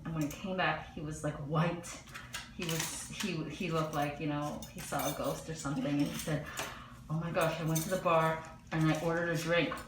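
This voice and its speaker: A woman's voice: sits low, slight background noise. A middle-aged woman dermatologist chatting and telling stories while she works on a patient in a medical office, often dropping to a murmur. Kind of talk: chatting while performing a procedure.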